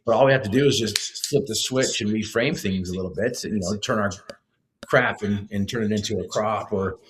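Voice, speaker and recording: A man with a fairly low voice talks earnestly in an interview, explaining his coaching tools. He often restarts and fills pauses with "uh" and "you know.". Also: a little hiss or hum, low-quality recording. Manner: earnest, many fillers and restarts. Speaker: motivational speaker, guest. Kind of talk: casual interview talk.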